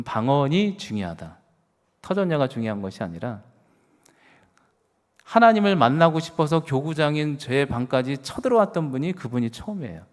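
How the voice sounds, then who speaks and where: Male pastor preaching, fairly high voice, middle-aged, hushed then loud, long church hall reverb. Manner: storytelling with swings from hushed to loud exclamations. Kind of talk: sermon. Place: church sanctuary.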